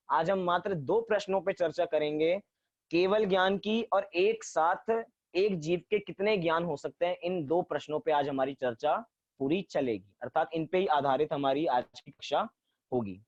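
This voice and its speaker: A man's voice: high voice, dry recording. A man teaching a religion class, explaining step by step and asking himself questions before answering them. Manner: asks and answers his own questions. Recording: dull dry recording.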